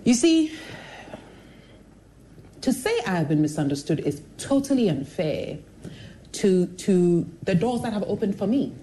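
A television personality speaks candidly in an interview, her medium-pitched voice moving at a measured pace with long pauses. She is an expressive, animated storyteller who acts out the voices of the people she quotes, giving the talk a motivational feel. Slight background noise is audible.

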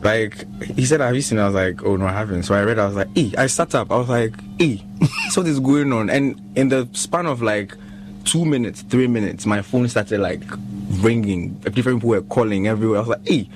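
A man with a Ghanaian accent, a musician being interviewed, telling his story in a relaxed, rambling way full of fillers. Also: mid-range voice, a little fast, a little hiss or hum, low-quality recording. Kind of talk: casual radio interview.

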